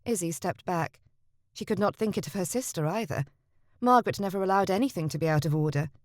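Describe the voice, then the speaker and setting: A woman reading a novel aloud in steady, scripted narration. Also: lowish voice, a little fast, no room sound, studio quality. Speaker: audiobook narrator.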